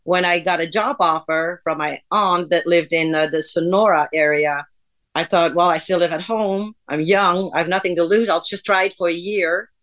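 A woman's voice: lowish voice, fairly even intonation, normal speed, a bit bright. A woman from the Netherlands, a guest on an interview podcast, telling her story in a chatty way with fillers. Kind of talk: casual interview.

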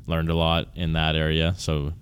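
A man in his early twenties, a university volleyball player, answering interview questions casually and haltingly, often restarting and trailing off. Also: a bass voice, completely flat delivery, smooth. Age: 20s.

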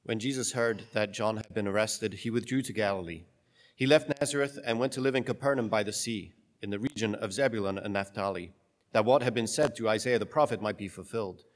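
A priest with a lowish voice reads the gospel from the pulpit and then preaches a homily. He speaks conversationally and haltingly, with many restarts, and the large church gives his voice a long, cathedral-like echo.

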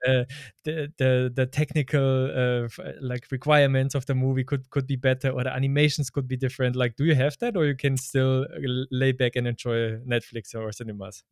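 A man's voice: mid-range voice, flat delivery, brisk, hardly any pauses, smooth, no room sound, studio quality. A man hosting a podcast, chatty and stumbling over his words as he asks questions. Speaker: podcast host. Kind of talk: casual interview chat.

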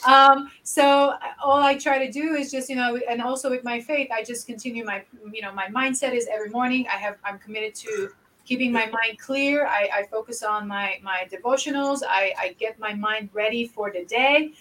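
A woman from Lebanon talks business on a podcast in a lively, casual way, often repeating words for emphasis. Her voice sits a bit high, and she sounds a little distant from the microphone. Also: moderate pace. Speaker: podcast co-host.

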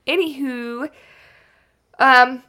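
A woman's voice: high-pitched, extremely slow, sharp tone. A woman co-hosting a casual true-crime podcast, rambling and joking and laughing often as she tells the case. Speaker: podcast co-host.

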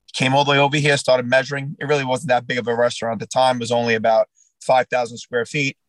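Fast-talking New Jersey restaurant owner, man. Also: medium pitch, dry recording, low-quality recording. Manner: animated storyteller, acts out quoted dialogue. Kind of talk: casual storytelling interview.

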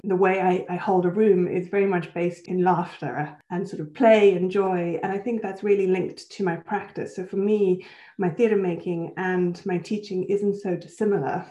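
Reflective woman guest with a mellow voice. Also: on the low side, steady tone, moderate pace, highs cut off. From South Africa and Switzerland. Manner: warm, reflective, laughs easily. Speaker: guest, senior lecturer in applied theatre. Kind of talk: conversational interview answers. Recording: roomy echo.

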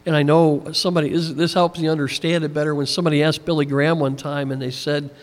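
A man's somewhat high voice carries through a large room with a long, trailing reverb. He preaches as an easygoing pastor, folksy and a little tired, scattering "you know" through his sentences. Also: little pitch movement, fast. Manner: conversational, folksy, many "you know" fillers. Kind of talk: sermon.

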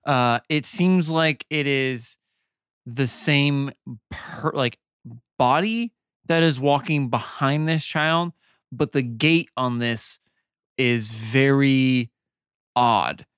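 A man narrating as game master in a tabletop role-play game, unhurried and descriptive, with many fillers. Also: medium pitch, fairly bright tone, smooth, dry recording, studio quality.

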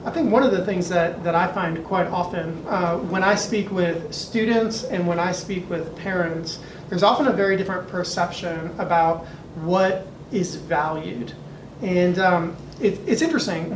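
A man with an American accent, moderating a thoughtful unscripted discussion in an earnest, discursive way. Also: high-pitched. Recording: echoey room, distant mic, faint noise.

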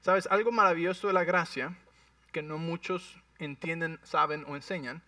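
A man preaching a sermon as a pastor, animated and often checking in with his listeners. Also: fairly high pitch, normal speed, no echo, far from the mic.

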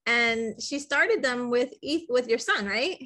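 A woman's voice: on the high side, animated, measured pace, sharp tone. A woman co-hosting a podcast in a casual, chatty style. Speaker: podcast co-host. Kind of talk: casual chat.

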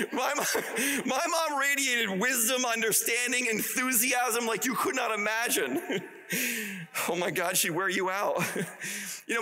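High, bright, gushing man speaker. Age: 40s. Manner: gushing, exclamatory, laughs often, keeps saying "oh my God". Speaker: commencement keynote speaker. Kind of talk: live motivational commencement speech. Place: university commencement ceremony, before a live audience.

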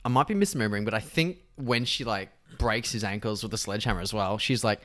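A man's voice: on the low side, fast talker, a bit bright. A man co-hosting a podcast, chatting casually about films, swearing and laughing as he animatedly retells scenes. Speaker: podcast co-host. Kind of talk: casual film chat.

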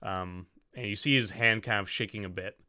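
Guy running a tabletop game, bright voice, dry close sound, lots of um and like. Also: fairly low pitch, moderate pace, no room sound. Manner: filler-heavy, describes action with "like". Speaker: game master.

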